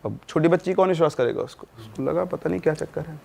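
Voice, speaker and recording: A man's voice: a little high, animated, quick pace, vocal fry, dark tone, slight background noise. A man narrating a spooky story in a conversational podcast style, with dramatic asides to the listener. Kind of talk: casual spoken horror storytelling.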